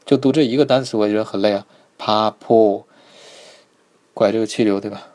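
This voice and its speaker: A man teaching a live online pronunciation lesson, patiently repeating each sound slowly and checking in with his students. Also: on the low side, dark tone. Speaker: Korean language teacher.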